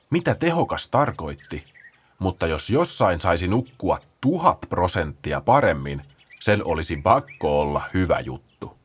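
Lively male storybook narrator. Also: low-pitched, breathy edge. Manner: playful, expressive storytelling. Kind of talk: children's storybook reading.

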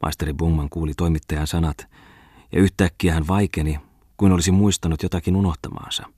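Deep-voiced man reading an audiobook. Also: steady tone, darkish tone, slightly rough, no room sound, studio quality. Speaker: audiobook reader. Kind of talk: scripted narration.

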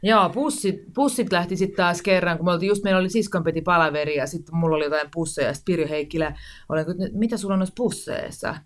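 Chatty guest, woman in her forties, casual interview talk, many fillers and false starts. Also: lowish voice. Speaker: guest, screenwriter and director.

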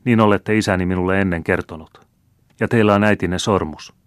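A man's voice: sits low, dry recording, studio quality, close to an everyday voice. Man reading as an earnest young son. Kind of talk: audiobook character reading.

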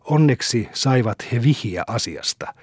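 A man narrating a classic novel in a steady, measured storytelling manner. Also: medium pitch, breathy edge, no echo. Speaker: audiobook reader.

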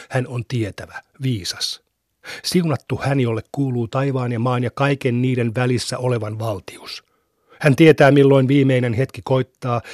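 Male reader, mid pitch, measured solemn scripture reading, dry studio sound. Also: dry recording. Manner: measured, even recitation.

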